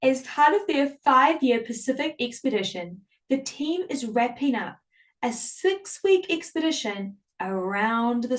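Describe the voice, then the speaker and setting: A woman hosting a live online classroom in an enthusiastic, welcoming, upbeat presenting style. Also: sits high. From Samoa or New Zealand. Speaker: host.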